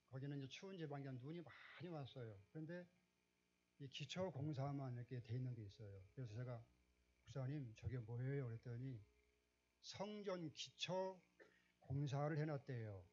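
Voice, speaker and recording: A man preaching a sermon as a pastor, telling a story and rising to loud, emphatic exclamations. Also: medium pitch, animated, moderate pace. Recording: dull, muffled recording.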